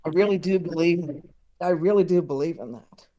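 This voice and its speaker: A comedy writer and filmmaker appears as a podcast guest, chatting casually in a hesitant, rambling, self-deprecating way. His voice is fairly high and dark in tone, his pace brisk, and the high frequencies are cut off.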